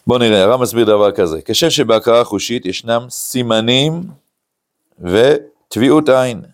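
A man, a rabbi, giving an animated Talmud study lecture, acting out quotes and using many filler sounds. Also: medium pitch. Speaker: rabbi teaching a class.

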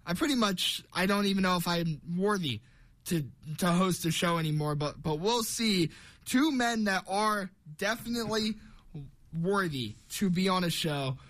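A man's voice: high voice, moderate pace, fairly bright tone. A young man hosting a college sports radio show in a casual, chatty way. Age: young adult.

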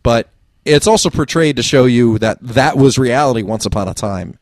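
A man talks bluntly in casual podcast banter, swearing and joking freely. His voice sits mid-pitch and sounds close and dry. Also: normal speed, no echo. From New Jersey. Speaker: podcast co-host. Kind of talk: casual chat.

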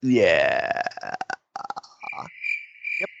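A man's voice: extremely low pitch, sing-song, drawn-out words, vocal fry, a bit bright, a little hiss or hum. A man co-hosting a casual comedic podcast, talking in a wry, self-deprecating way. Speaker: podcast co-host. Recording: slightly dull lo-fi mic.

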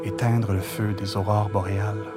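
Man, Franco-Ontarian accent, spoken-word poetry, lowish voice, clear music behind. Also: level tone, moderate pace. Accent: Franco-Ontarian French. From Ontario, Canada. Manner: intense, rhythmic, shifting between whispers and loud declaiming.

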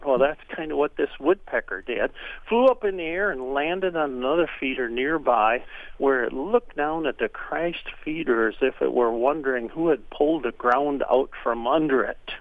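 Man, radio guest, folksy joking storyteller, mid pitch, tinny phone line, dry. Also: dry recording. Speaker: regular birding guest on a radio show. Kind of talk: casual radio chat.

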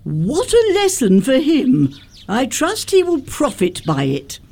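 A woman's voice: sits high, huge pitch swings, slow pace, creaky, darkish tone, exaggerated voice. A woman playing a prim middle-aged governess, pompous, moralizing and coyly flirtatious, in a theatrical radio comedy of manners. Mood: prim, stern. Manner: pompous, precise, emphatic.

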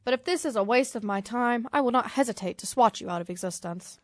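A woman voicing a curt, dismissive male rock bassist in a lightly acted comic skit, recorded on a dry studio mic. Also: fast talker, no room sound, lightly acted. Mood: rude. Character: rude, dismissive famous male bass player.

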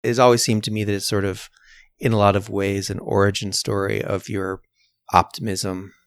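Low, even-voiced male host. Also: moderate pace, clean tone, dry recording, studio quality. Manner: encouraging, curious questioner. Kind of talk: conversational interview.

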